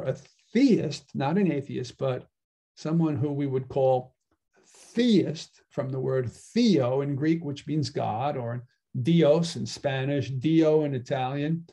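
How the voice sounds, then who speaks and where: A man's voice: on the high side, vocal fry, warm tone. A man giving a casual philosophy lecture, explaining ideas in a conversational way and often checking in with "right?". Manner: conversational, frequent tag "right?". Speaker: philosophy teacher.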